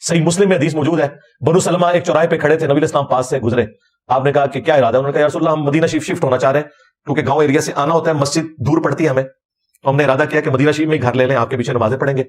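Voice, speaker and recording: A man with a fairly high voice delivers a combative religious lecture. He ridicules the tales he retells with biting sarcasm and pointed rhetorical questions. He drops into Punjabi phrases when he imitates others. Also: fairly even intonation.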